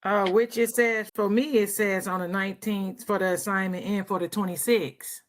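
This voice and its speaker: A woman's voice: mid-range voice, fairly even intonation, moderate pace. Female student, polite and a little hesitant, on a video call. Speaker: nursing student. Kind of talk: question in an online class.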